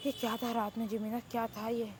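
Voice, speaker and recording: A woman's voice: a little high, level tone, brisk, noisy background, close to an everyday voice. A woman playing a dramatic young woman held in a palace, stammering and indignant. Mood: chatty. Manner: stammering, indignant, self-pitying. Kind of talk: Hindi fan-fiction audio story.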